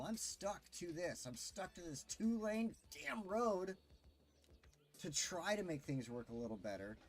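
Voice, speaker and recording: A man's voice: medium pitch, darkish tone. A man streaming a city-building game, delivering an impassioned, pleading rant with swearing. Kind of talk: ranting gameplay commentary.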